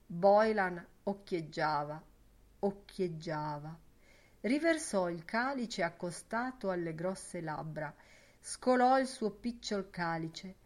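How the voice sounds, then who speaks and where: A woman narrating a literary audiobook in a measured, lyrical way. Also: lowish voice, a little mellow. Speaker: audiobook reader.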